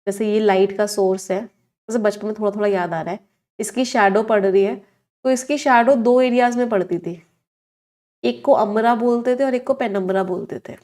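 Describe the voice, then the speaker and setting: A woman's voice: mid-range voice, moderate pace, darkish tone. A woman teaching English vocabulary in an online exam-prep lesson, explaining words in Hindi mixed with English and asking her students questions.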